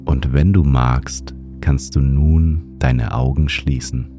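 A man narrating a guided sleep meditation as a podcast host, in the calming manner of a sleep story narrator. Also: very deep voice, slow pace, over music.

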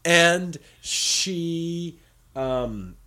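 A man co-hosting a podcast, chatting casually in an animated, jokey way with quick rants. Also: fairly high pitch. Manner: animated, ranting, jokey asides. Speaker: podcast co-host. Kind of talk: casual chat.

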